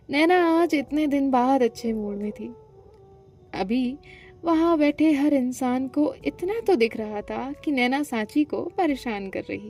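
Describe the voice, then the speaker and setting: A woman narrating a romantic audio story, reading the characters' lines in her own voice. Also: on the high side. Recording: soft music behind the voice.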